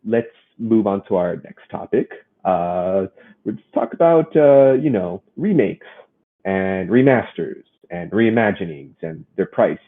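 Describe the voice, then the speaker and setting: A man co-hosts a casual gaming podcast, wandering through his stories with lots of restarts. His voice sits a bit low and comes across husky. The sound is thin and phone-like. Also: expressive, unhurried. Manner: rambling, many restarts. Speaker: podcast co-host. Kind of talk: casual chat. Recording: phone-like muffled audio.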